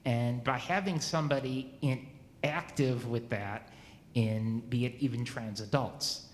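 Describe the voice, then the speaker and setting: A man in his forties asking a new minister questions at a church meeting, halting and often restarting his sentences. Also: medium pitch, fairly even intonation, roomy sound, long reverb tail, slight background noise. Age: 40s.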